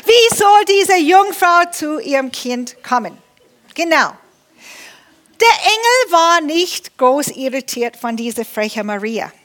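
High bright-voiced woman preaching. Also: takes it slowly. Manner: lively storytelling preacher with humor. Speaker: pastor. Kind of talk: sermon. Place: church.

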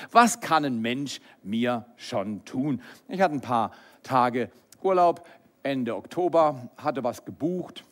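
A middle-aged man preaching a sermon, lively and animated, swinging between loud exclamations and soft whispered lines. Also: mid-range voice. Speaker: pastor.

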